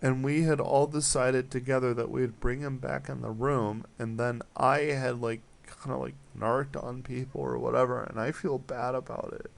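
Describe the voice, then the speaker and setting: A man's voice: mid-range voice, flat delivery, normal speed, creaky, hardly any pauses. A man making a prank phone call, rambling and apologizing in a flustered, mumbling way. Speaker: prank caller.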